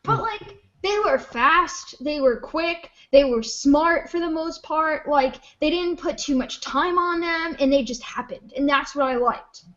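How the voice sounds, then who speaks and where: High-voiced chatty young woman, lo-fi. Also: a bit bright. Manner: chatty, quick to jump in with jokes. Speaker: podcast co-host. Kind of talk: casual chat. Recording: dull lo-fi sound.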